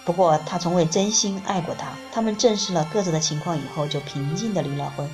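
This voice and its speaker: A woman narrating a book in the first person, reading in a calm, measured way. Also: on the low side, music in the background. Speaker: audiobook reader.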